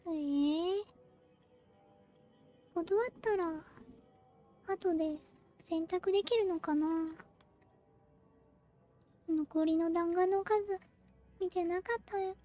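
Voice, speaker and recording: A woman giving casual game commentary, musing aloud in short, soft phrases. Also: very high voice, measured pace, pauses often, soft background music. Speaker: game streamer.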